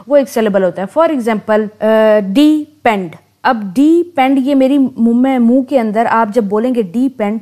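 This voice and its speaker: A young adult woman teaching poetry terms in a lecture, explaining casually and slowing down to read definitions carefully. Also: fairly high pitch, warm tone. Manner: switches to slow, careful reading for English definitions. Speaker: literature teacher.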